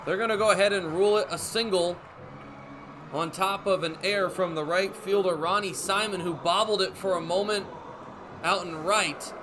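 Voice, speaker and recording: A man in his twenties calls baseball play-by-play on the radio, his voice sitting high with fairly even intonation. His announcing is descriptive and measured, lifting when the action picks up. The recording is clear, with background ambience noise.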